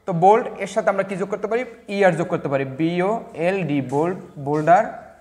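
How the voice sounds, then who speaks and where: A man with a rather high-pitched voice gives a classroom grammar lesson. He talks slowly and deliberately, with small hesitations, and spells words out letter by letter for his students. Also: animated, a little mellow. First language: Bengali. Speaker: English teacher.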